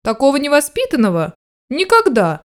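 A woman's voice: high voice, wildly swooping pitch, moderate pace, pitched above the performer's own voice. A woman voicing a grouchy grown male dog who grumbles and lectures sternly in a storybook reading.

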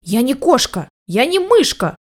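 A woman's voice: high voice, sing-song, a little slow, exaggerated voice. A woman doing an indignant hissing tomcat. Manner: loud, hissing, indignant shouting.

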